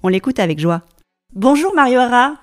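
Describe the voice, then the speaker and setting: A woman hosting a podcast, reading a lively scripted welcome over music, then asking her guest questions. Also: fairly high pitch, a little fast, no room sound, clean studio sound. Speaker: podcast host.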